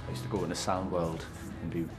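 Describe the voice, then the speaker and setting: A man's voice: deep voice, level tone, fast. A man telling casual anecdotes in an interview as a musician. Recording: loud music behind the voice. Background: loud music.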